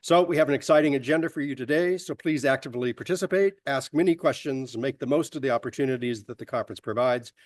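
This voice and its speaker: A man opens a university conference with a measured, formal welcome. His voice sits at a middle pitch and comes from some way off the mic, in a dry room. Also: dry recording, recorded from a distance. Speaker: university official welcoming attendees.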